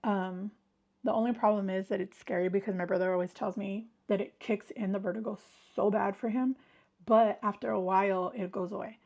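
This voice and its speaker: A woman with a medium-pitched, darkish voice, some vocal fry and muffled highs hosts a casual livestream, talking fairly quickly with fairly even intonation. Congested from a sinus illness, she rambles chattily with her live viewers and greets them mid-sentence.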